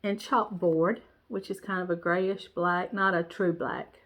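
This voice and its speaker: Congested and nasal, a woman rambles warmly through a casual show-and-tell about her cross-stitch supplies, full of "um"s, fillers and restarts. Her voice sits on the low side with a steady tone and a measured pace.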